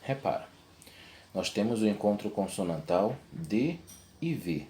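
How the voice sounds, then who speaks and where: A man's voice: on the low side, lively intonation, measured pace, dark tone, a little hiss or hum. A young adult man teaching a video lesson, explaining step by step and checking in with his class.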